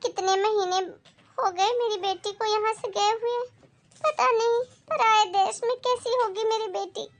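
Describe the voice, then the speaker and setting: A woman voicing a worried, loving poor mother who speaks gently and anxiously. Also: very high voice, fairly even intonation, measured pace. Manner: anxious, gentle, soft-spoken.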